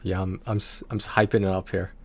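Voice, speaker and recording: On a game livestream, a man chats casually in a rambling, halting way, often repeating his words. His voice is deep, with little pitch movement.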